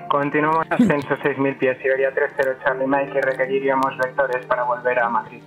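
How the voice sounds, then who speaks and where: A man's voice: mid-range voice, flat delivery, fairly quick, fairly bright tone, soft background music. A man playing an airline pilot, making clipped radio calls over a cockpit headset. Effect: pilot speaking over a cockpit headset radio. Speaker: airline pilot in a flight simulation. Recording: muffled lo-fi radio transmission.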